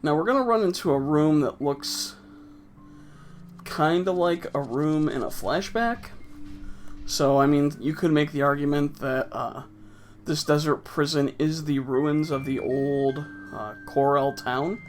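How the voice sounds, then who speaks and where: A man's voice: fairly high pitch, unhurried, faint music behind. A man casually commenting on his own gameplay with wry, offhand, sarcastic asides. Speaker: let's play host.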